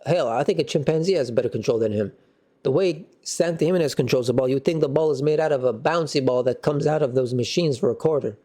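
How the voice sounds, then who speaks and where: A man hosting a casual football match reaction, animated and slangy, with excitable outbursts. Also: medium pitch, quick pace. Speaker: football fan channel host.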